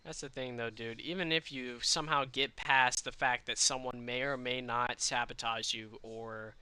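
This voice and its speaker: A man's voice: mid-range voice, steady tone, moderate pace, pushed and bright, smooth, no echo. A man chatting casually to his stream audience while playing a game, rambling and swearing freely. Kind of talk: live gaming stream chat.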